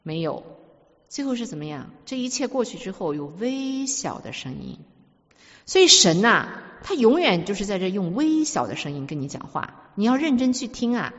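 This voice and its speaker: Animated woman preaching in a hall. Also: mid-range voice, fairly quick. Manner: emphatic, storytelling with repeated words. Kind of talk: sermon. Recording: dull recording with long hall reverb.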